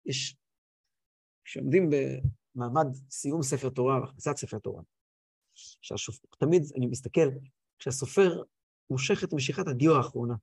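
A man in his thirties, a rabbi teaching a weekly Torah class with animated storytelling. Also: medium pitch, gravelly, long pauses, slightly rough, dry recording, clean studio sound. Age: 30s. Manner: animated storytelling, acts out quotes.

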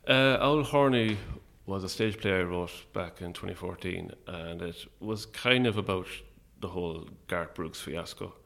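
A man with an Irish midlands accent talking casually and a little hesitantly as an interview guest, in a low-key, wry way. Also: a little slow, vocal fry, hardly any pauses, fairly bright tone. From Longford, Irish midlands.

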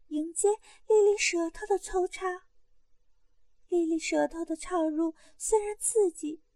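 A woman narrating a first-person adult audio story in a loud, crude, breathless delivery, close to the mic. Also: very high voice, no echo.

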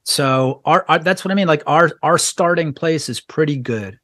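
A man's voice: on the high side, moderate pace, a bit bright, no echo. An American man speaking as a guest journalist in a casual interview, often restarting his words and laughing. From United States. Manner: stammering restarts, frequent laughs.

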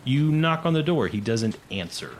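A man narrating as game master of a tabletop game, playful and quick to laugh. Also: medium pitch, sing-song, a little hiss or hum.

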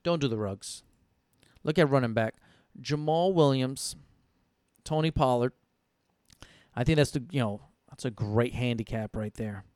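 A man's voice: medium pitch, unhurried, pauses often, a little mellow, no room sound, clean studio sound. Casual swearing young man thinking aloud. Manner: thinking aloud, swearing, talking himself in and out of picks. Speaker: fantasy football streamer. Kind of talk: casual live draft commentary.

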